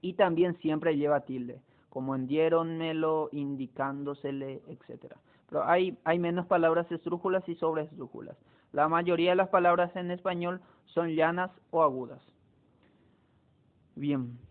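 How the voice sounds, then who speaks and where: A man's voice: fairly high pitch, fairly even intonation, normal speed. Man teaching a spelling lesson over a tinny line. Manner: explains step by step, with frequent hesitations and restarts. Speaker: Spanish teacher. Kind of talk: classroom lesson on spelling rules. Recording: tinny phone-like recording.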